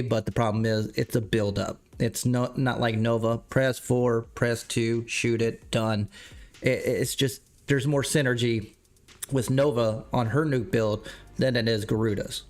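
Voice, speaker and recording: A man streaming a game live, stuffed up and clearing his throat, rambling and correcting himself as he chats with viewers. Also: medium pitch, steady tone, a little slow. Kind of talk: casual livestream commentary.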